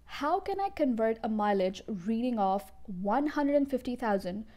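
Woman voicing a boastful crooked car-dealer dad, loud, emphatic, storybook reading, fairly high voice. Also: animated, normal speed, close to an everyday voice. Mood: bragging.

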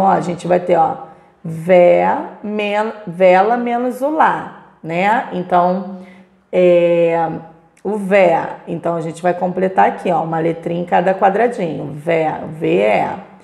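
A woman primary teacher with a Brazilian Portuguese accent patiently breaks words into syllables for young children during a recorded remote lesson. She speaks at medium pitch in a warm, creaky voice, recorded in an echoey room.

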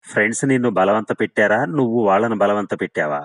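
A man's voice: lowish voice, quick pace, natural voice. A man voicing a young woman who asks pained, doubtful questions.

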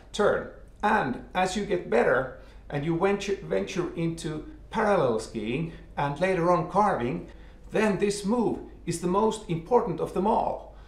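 A man in his forties giving an instructional explanation as a ski instructor, halting and often repeating and rephrasing his words, recorded indoors in a living room. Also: a little high. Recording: echoey room.

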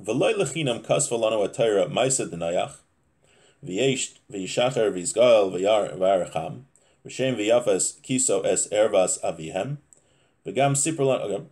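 A man in his thirties sounds animated as he gives an informal religious lesson, his lowish, slightly mellow voice moving at a moderate pace. He reads Hebrew phrases, explains them in English, and repeats and rephrases often, all from a small indoor room at home.

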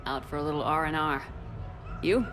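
A woman's voice: low-pitched, moderate pace, music in the background, close to an everyday voice. An actress playing a tough, cocky female space commander with a sardonic, challenging manner in a video game. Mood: wry.

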